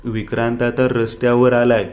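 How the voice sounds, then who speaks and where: A man's voice: medium pitch, monotone, normal speed, a little mellow, natural voice. A man voicing a vengeful schemer who speaks coldly and matter-of-factly.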